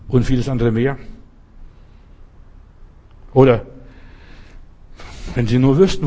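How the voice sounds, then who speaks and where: A man delivers a sermon in a husky, slightly rough voice at an ordinary pitch. He presses his points hard and turns often to address the listener directly. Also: darkish tone. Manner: emphatic, talks straight to the listener. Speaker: preacher.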